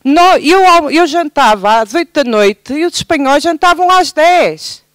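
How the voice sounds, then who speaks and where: A woman's voice: high voice, expressive, measured pace, dry recording. A Portuguese woman from the Algarve, speaking up from the audience with a hesitant, spontaneous delivery full of restarts. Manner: hesitant, many restarts and fillers. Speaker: audience member. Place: theatre hall.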